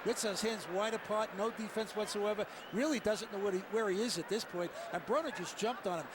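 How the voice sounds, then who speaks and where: A man analysing a fight as a live boxing commentator, with excitable, blunt, choppy phrasing. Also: sits high, fairly quick. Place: ringside at a boxing arena. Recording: noisy arena ambience.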